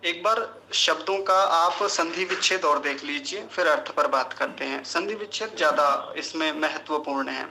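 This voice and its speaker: A male teacher giving a pronunciation lesson, sounding each syllable out slowly and carefully and then chanting the verse in a sung tone. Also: fairly high pitch, bright, forceful tone, a little hiss or hum, poor audio. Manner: slow, careful syllable-by-syllable enunciation. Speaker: Sanskrit teacher.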